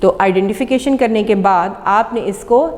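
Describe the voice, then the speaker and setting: A woman with a Pakistani accent, teaching an English lesson and slowly sounding out each word. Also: mid-range voice, a little mellow, in a large hall. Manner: slow, deliberate sounding-out of words. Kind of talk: classroom lesson on pronunciation.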